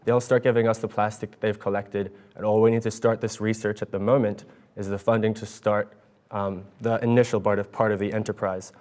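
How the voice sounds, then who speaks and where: A young man gives a competition pitch and answers judges' questions, earnest and a little halting. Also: flat delivery, darkish tone. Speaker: student competitor pitching a project. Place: stage at an awards event.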